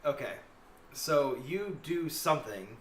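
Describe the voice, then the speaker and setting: A man's voice: on the high side, sing-song, slow, fairly bright tone. A man running a tabletop game as game master, narrating loosely with laughs and hesitant fillers, recorded in an echoey room from a distant mic with faint hiss.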